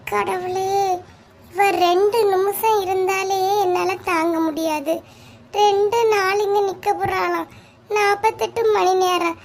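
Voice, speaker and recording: A woman voicing sharp-tongued village women in a cartoon comedy, with a Kanyakumari Tamil accent and a nagging, scolding way of talking. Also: very high voice, a little hiss or hum.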